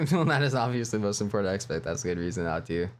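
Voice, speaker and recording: A man with a fairly low voice talks fast while streaming a video game, chatting casually. He's animated and giggly, laughing and reading game lines aloud over faint game music.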